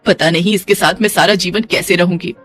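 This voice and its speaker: A woman's voice: lowish voice, fairly even intonation, brisk, fairly bright tone, soft background music. A woman voicing a fussy, traditional middle-aged mother-in-law who scolds and laments dramatically. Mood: fretting.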